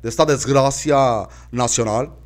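Man voicing a comic aunt, melodramatic, shrill, broken English. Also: unhurried, lightly acted. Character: dramatic, effeminate aunt Tía Emma.

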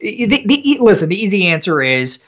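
A man in his thirties speaking as a guest author in a podcast interview, energetic and talkative, repeating words as he starts a thought and often adding "right?". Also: sits high, a little fast, muffled recording.

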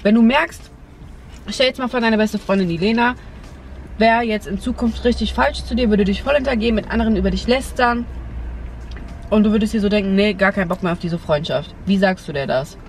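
A woman's voice: fairly high pitch, fairly quick. Young woman chatting in a noisy car. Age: young adult. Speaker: vlog host. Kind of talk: casual advice chat. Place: inside a parked car. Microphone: camera on the dashboard. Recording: noisy car interior, outdoor ambience.

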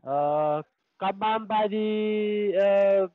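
A non-native man in broken German fires back repetitive mocking insults. His voice is high and sounds dry and dull, as if over a phone. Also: drawn-out words, no room sound. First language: not German. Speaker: scam caller. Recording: dry muffled phone call.

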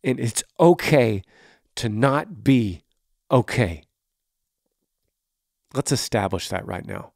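A man's voice: medium pitch, lively intonation, takes it slowly, vocal fry, pauses often, no echo, studio quality. A man in his forties hosting a podcast, answering a listener's question with earnest, encouraging, reflective advice. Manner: warm, encouraging, reflective with emphatic rises.

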